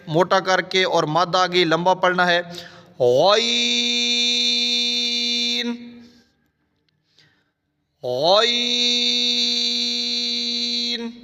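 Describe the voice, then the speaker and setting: A man teaching Quran recitation step by step, patiently explaining each letter and then sounding it out slowly. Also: high voice, sharp tone. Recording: long echoing reverb.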